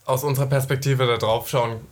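A man from Halle with a Saxony-Anhalt dialect, a guest telling personal stories in a casual podcast chat, halting with frequent fillers. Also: medium pitch, steady tone. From Halle, eastern Germany.

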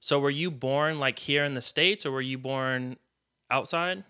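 Guy hosting a podcast, bright clean voice, super casual, says "like" a lot. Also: medium pitch, measured pace, smooth. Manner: casual, leans on filler "like". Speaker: podcast host. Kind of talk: casual interview.

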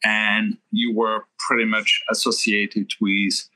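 Interview guest: middle-aged man from Belgium, lower pitch, bright tone, measured and explanatory. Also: flat delivery, low-quality recording. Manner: measured, explanatory, pauses mid-sentence. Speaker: guest, investment firm founder. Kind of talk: conversational interview answers.

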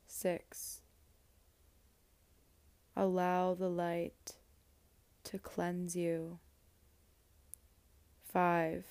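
A woman leads a guided meditation, speaking unusually slowly with long soothing pauses. Her voice sits low and stays level, with little rise and fall. The sound is close and dry. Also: completely flat delivery, clean tone, no room sound. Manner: slow, soft, soothing delivery with long pauses.

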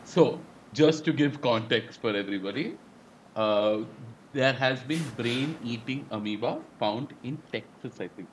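An Indian-accented man co-hosts a casual chat in a mid-pitched voice. There is clear noise behind him as he talks. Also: a little slow, low-quality recording. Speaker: co-host.

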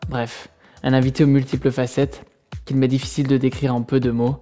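A male podcast host with a mellow, warm-leaning timbre reads a scripted introduction in a measured, even way. Faint music plays beneath his voice. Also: medium pitch. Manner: measured, read-aloud delivery. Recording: faint music bed behind.

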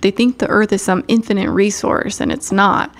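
A woman's voice: mid-range voice, steady tone, moderate pace, natural voice. A woman voicing a self-righteous teen girl who scolds and preaches. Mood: scolding.

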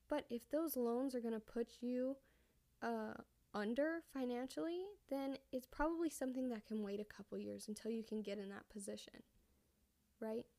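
Woman, young adult, podcast host, casual monologue, slightly out of breath, self-correcting, fairly high voice. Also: warm tone. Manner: rambling, self-correcting, conversational. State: a bit out of breath.

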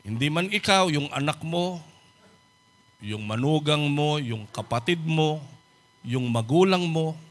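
A man's voice: fairly high pitch, animated, unhurried, pauses often. A man preaching as a pastor, telling a personal testimony in a polite storytelling manner and acting out the voices of the people in it. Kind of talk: sermon testimony.

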